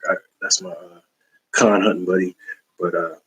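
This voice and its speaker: A man with a very low, husky voice talks his way through a comic book haul in a relaxed, slangy ramble. He stops and restarts often, with lots of fillers, like he is chatting with friends on a casual video. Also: normal speed, rough recording. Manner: laid-back, slangy, rambling with many fillers.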